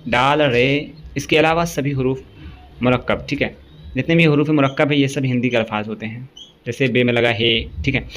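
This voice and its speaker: A male teacher with a medium-pitched voice gives an exam-prep grammar lesson, with slight background noise. He recites long lists item by item at an even pace, repeatedly checking in with a quick "okay".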